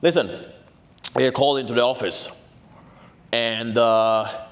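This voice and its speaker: A man's voice: medium pitch, fairly even intonation, a little slow. A young man with a mid-range voice tells a story straight to camera. He is brash and boastful and swears freely, leaning on "right?" to keep the listener with him. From Norway. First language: Norwegian. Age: 20s. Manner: brash, boastful and profane, full of "right?" tags. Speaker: vlogger. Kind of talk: casual storytelling vlog.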